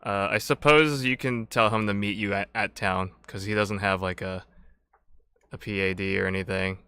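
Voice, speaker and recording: A man's voice: fairly low pitch, fairly even intonation, normal speed, pushed and bright, clear, resonant tone, no room sound. A man running a tabletop game as game master, recapping and narrating in a loose, meandering way.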